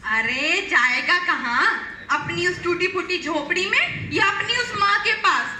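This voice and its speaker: A woman playing a haughty, scornful shopkeeper's wife on stage, sharp-tongued and complaining. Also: very high-pitched, expressive, unhurried, slight background noise, heavily acted. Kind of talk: stage play acting. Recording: echoey stage hall recording.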